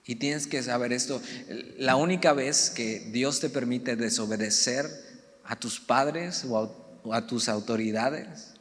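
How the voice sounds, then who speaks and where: A man's voice: medium pitch, a little slow, a bit bright. A man preaching a youth sermon in a conversational way, with humorous asides. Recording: reverberant hall.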